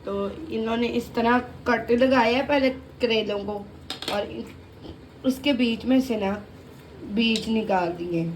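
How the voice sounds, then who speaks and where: A woman with a hoarse throat hosting a home cooking video, chatting casually as her mother cooks, often repeating the same filler phrase. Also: fairly high pitch, takes it slowly, slight background noise, low-quality recording. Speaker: cooking channel host. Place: home kitchen. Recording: kitchen clatter of dishes and cutlery.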